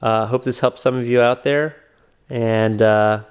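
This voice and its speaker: A man giving a casual video review of phone cases, talking in a halting way with many ums and restarts. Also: mid-range voice, fairly even intonation, clean tone. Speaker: product reviewer. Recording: dull lo-fi home video sound.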